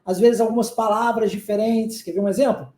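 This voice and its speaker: This man, from Minas Gerais and carrying that region's Brazilian Portuguese accent, teaches English in a recorded online lesson, frequently asking short check-in questions. He speaks a little fast in a high, warm, steady voice within an echoey room.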